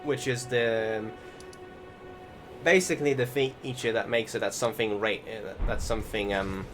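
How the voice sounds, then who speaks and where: With music behind him, a gaming channel host offers rambling, informal voice-over on a video game, often pausing to find his words. His voice sits on the low side, with fairly even intonation and a moderate pace.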